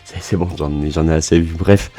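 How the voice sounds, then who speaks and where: A young man commentating a gaming reaction video, swinging from low muttering to excited yelling. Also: fairly quick, soft background music. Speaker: gaming content creator reacting.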